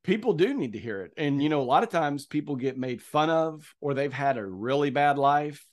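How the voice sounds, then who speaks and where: A man's voice: a little high, lively intonation, moderate pace. A middle-aged man hosting a podcast in casual, joking chat with a longtime friend. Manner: joking, chatty, repeats phrases. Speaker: podcast host.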